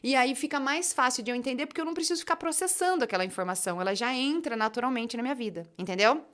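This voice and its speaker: Young adult woman, English teacher, friendly chatty delivery with slow repeated drills, fairly high voice. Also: animated, fairly bright tone. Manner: chatty, encouraging, drills phrases slowly for students to repeat. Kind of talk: casual online English lesson.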